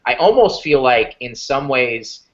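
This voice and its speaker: A man co-hosting a podcast, giving a measured, hesitant opinion on a movie with many pauses and ums. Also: mid-range voice, big pitch swings, dull audio. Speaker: podcast co-host. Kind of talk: casual movie review chat.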